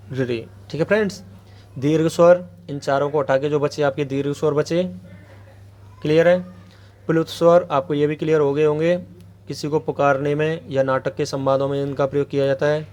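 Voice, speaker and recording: Guy teacher doing an exam-prep grammar lesson, a bit high-pitched, keeps asking and answering his own questions. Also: level tone, fairly quick, darkish tone. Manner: asks rhetorical questions then answers them; repeats a check-in phrase to viewers.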